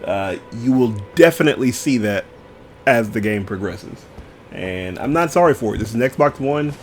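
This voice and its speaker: His voice is mid-range and animated at a moderate pace, with slight noise in the background. The man, a gameplay streamer, offers relaxed, jokey commentary on his playing, speaking right to viewers and sometimes breaking into sing-song.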